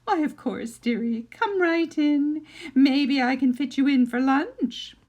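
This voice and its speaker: Woman acting a sugary, sly high-voiced witch. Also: takes it slowly, a little mellow. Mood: sweetly menacing. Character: sly, plump female gingerbread-house witch, sugary and hungry.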